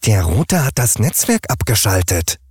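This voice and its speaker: A man's voice: lowish voice, big pitch swings, normal speed, a little mellow, husky, no echo, clean studio sound, voice pushed up, exaggerated voice. A man reading an audiobook, voicing an earnest, worried smart refrigerator. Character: anxious smart fridge, worried leader.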